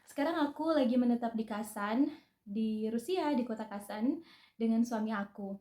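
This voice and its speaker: A woman's voice: fairly high pitch, lively intonation, moderate pace, mellow. Chatty Indonesian-speaking woman vlogger, echoey room. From North Sulawesi, Indonesia. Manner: chatty, friendly, with hesitant fillers. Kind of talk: casual personal vlog.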